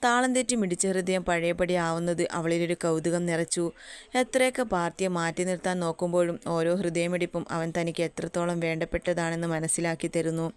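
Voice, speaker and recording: Smooth-voiced woman narrating a story. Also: fairly low pitch, steady tone, brisk.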